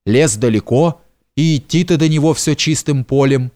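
Male narrator doing an old house steward: homely, coaxing, unhurried, mid-range voice. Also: mid-range voice, a little mellow, lightly acted. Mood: fretting. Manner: homely folksy speech, slow and soothing. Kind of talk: audiobook character reading.

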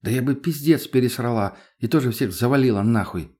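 A man voicing a thoughtful, reasonable young woman who talks in an earnest, gentle way. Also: medium pitch, fairly quick, natural voice.

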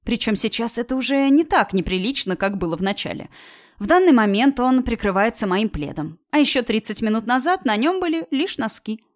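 A woman's voice: fairly high pitch, very animated, a little fast. A woman reading an audiobook, voicing a bold young woman who talks with sarcasm and indignant emphasis. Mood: wry. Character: bold, sharp-tongued young woman friend. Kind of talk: audiobook character voice.

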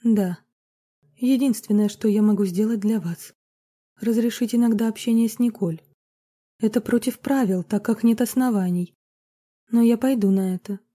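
A woman voicing a sympathetic middle-aged orphanage director who speaks quietly and tactfully, in a read-aloud story. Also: mid-range voice, moderate pace, pauses often, lightly acted. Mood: weary, sympathetic.

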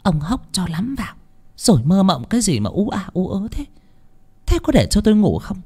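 A man's voice: on the high side, big pitch swings, moderate pace, voice pushed up. A man putting on a nagging older wife's voice. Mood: scolding. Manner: nagging, hushed grumbling. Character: sharp-tongued older wife, scolding and scornful.

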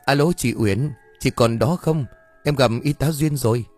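A man's voice: medium pitch, moderate pace, darkish tone, slightly rough, faint music behind, voice pushed up, lightly acted. Male narrator doing an emotional young woman, eager questions, near his own voice.

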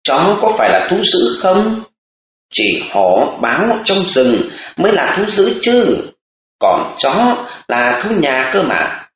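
An anguished, loving father, as a male narrator does him, comforts his child in a gentle, choked voice. His pitch swings widely and the audiobook sounds roomy and dull. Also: wildly swooping pitch, slow, a little hiss or hum, full character voice. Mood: soothing. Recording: echoey, dull audiobook recording.

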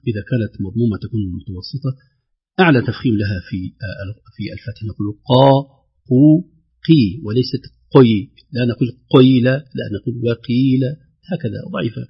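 Husky-voiced man teaching recitation. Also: lowish voice, highs cut off. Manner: patient, repeats words slowly to demonstrate sounds. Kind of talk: instructive explanation with demonstrated pronunciations.

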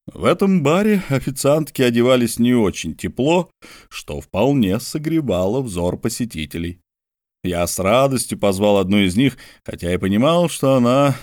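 A man's voice: medium pitch, a little mellow, no room sound, studio quality. A man narrating a story as an audiobook, in a wry, ironic storytelling manner.

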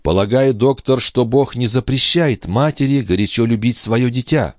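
A man reading a frantic young noblewoman and grieving mother in an audiobook, pleading and then rising to shrill commands. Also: normal speed, no echo, studio quality, close to an everyday voice.

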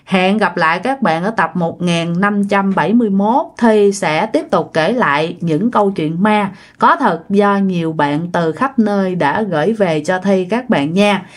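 A woman telling ghost stories in a casual spoken way, lively and repeating phrases to build suspense. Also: mid-range voice, measured pace, few pauses. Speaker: ghost story narrator.

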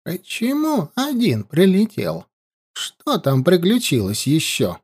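A woman voicing a frightened old village witch in an audiobook, her voice quavering and her speech slow and fearful. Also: on the low side, huge pitch swings, darkish tone, slightly rough, full character voice. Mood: anxious. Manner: slow, breaking into frantic muttering. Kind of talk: audiobook character voice.

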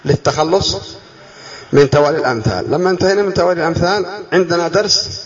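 A man teaching a class, quizzing his students with questions, drawing key words out slowly and putting on a student's puzzled voice. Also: on the high side, highs cut off. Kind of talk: classroom lesson.

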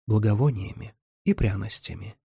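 A man's voice: lowish voice, normal speed, gravelly, dark tone, breathy edge, no echo, clean studio sound, full character voice. A man reading the lines of a spirited, teasing young woman in an audiobook, lifting his voice somewhat for her. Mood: light.

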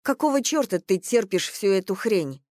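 A reader voicing a quick-tempered young woman who talks sharply and bluntly. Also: medium pitch, lively intonation, no echo, studio quality, natural voice. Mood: fierce. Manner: sharp, forceful.

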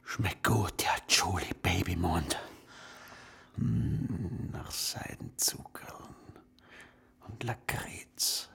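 In this radio play, a sleazy, bossy postwar exploiter who coaxes a girl in a gravelly, husky, half-whispered tone. He speaks very deeply and slowly, and his pitch swings widely. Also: fairly bright tone, full character voice. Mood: coaxing. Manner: coaxing, then curt and bossy. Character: sleazy, domineering postwar man grooming a young girl. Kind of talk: radio drama acting.

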